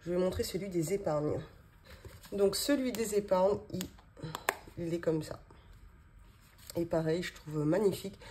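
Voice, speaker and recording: A woman in her thirties with a lowish, dark-toned voice chats casually at her home office desk, unboxing and showing off her budgeting binders. This budgeting vlogger fills her show-and-tell with lots of fillers and little laughs, and there's slight background noise.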